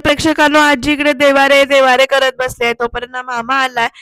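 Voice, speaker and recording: A woman's voice: sits high, flat delivery, a little fast, a bit bright, no room sound, soft background music. A woman narrating a voice-over recap of a television serial, acting out the characters' lines and speaking directly to viewers.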